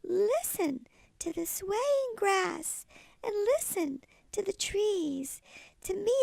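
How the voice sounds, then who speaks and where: A woman voicing a small, kindly cricket who gently encourages, in a children's storybook reading. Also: very high-pitched, gravelly, no echo, voice pushed up, exaggerated voice, rough recording. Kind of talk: children's storybook read-aloud.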